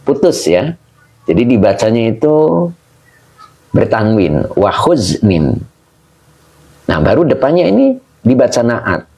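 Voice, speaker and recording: Male religious teacher, gravelly low voice, slow and patient. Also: darkish tone, low-quality recording. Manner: slow, explaining Arabic grammar, greeting viewers by name. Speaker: Islamic teacher. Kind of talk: live-streamed kitab study lesson.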